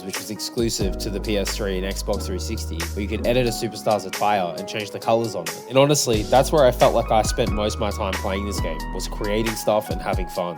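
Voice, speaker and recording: Man casually reviewing wrestling games. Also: fairly low pitch. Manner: relaxed, chatty opinions. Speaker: gaming YouTuber. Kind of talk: casual game review narration. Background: music.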